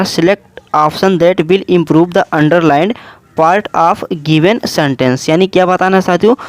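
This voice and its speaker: A man's voice: high voice, smooth, dry recording. A man teaching exam questions, explaining each option and repeating his own questions and answers as he goes. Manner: repetitive question-and-answer explaining, addresses listeners as friends.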